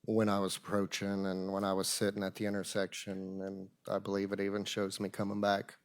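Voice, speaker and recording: A man's voice: low-pitched, completely flat delivery, a little fast. A man testifying as a witness in a courtroom, giving brief, plain answers in a hesitant way. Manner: hesitant, terse, plain-spoken.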